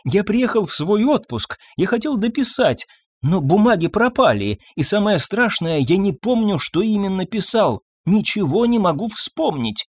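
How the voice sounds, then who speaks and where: A man's voice: sits high, very animated, normal speed, slightly rough, dry recording, voice pushed up, heavily acted. A man voicing a fussy, nervous, absent-minded doctor who talks timidly and apologetically in a raised, thin voice. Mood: fretful.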